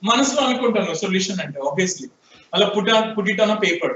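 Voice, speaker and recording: A man's voice: high-pitched, expressive, normal speed, fairly bright tone, slight background noise. A man with a Telugu accent teaching programming in a classroom lecture, questioning his students and prompting them to answer. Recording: echoey room, distant, dull lo-fi sound.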